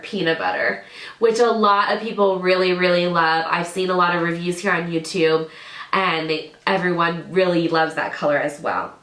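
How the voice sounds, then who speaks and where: A woman in her thirties with a mid-range, fairly bright voice chats enthusiastically to camera as a beauty YouTuber reviewing products at home. Slightly nasal as she recovers from a cold, she stresses words by repeating them. The indoor room has drawer units and sounds echoey.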